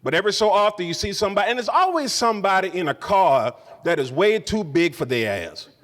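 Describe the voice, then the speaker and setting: High-voiced ranting stand-up comedian. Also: male voice, big pitch swings, brisk, in a large hall. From Spokane area resident since 2001. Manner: profane, ranting, mocks locals in shouted voices. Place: comedy club.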